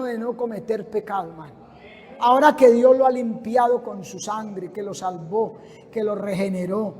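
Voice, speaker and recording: A man preaching a fervent sermon, often rising to a shout. His voice sits high for a man. A long reverb from the church hangs behind every phrase.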